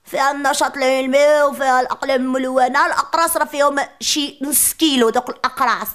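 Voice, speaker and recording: A woman's voice: steady tone, a bit bright. A woman voicing a chatty, sassy little preschool girl with a Moroccan accent, ranting in a comic monologue. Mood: defiant. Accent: Moroccan Arabic. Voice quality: childish high voice, rapid rants.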